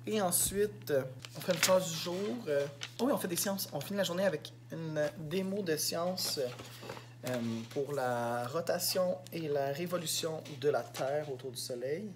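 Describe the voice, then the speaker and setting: A man's voice: on the high side, unhurried, noisy background. A male schoolteacher with a Québécois French accent, talking casually and candidly in a vlog diary, full of fillers. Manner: candid, rambling, heavy on fillers. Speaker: elementary school teacher.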